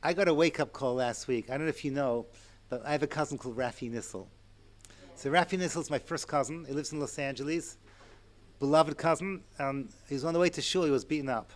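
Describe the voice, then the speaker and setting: Chatty man in his sixties, somewhat high voice. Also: quick pace. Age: 60s. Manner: animated, chatty, with asides and chuckles. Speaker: rabbi and lecturer. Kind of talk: Torah lecture to an audience.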